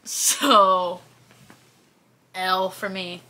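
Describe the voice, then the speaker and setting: In a low-quality recording, a fitness content creator in her twenties speaks very slowly, her lowish voice flat in delivery yet bright and forceful. She sits in a small, plain room, casually answering viewer questions to camera and acting out her stories.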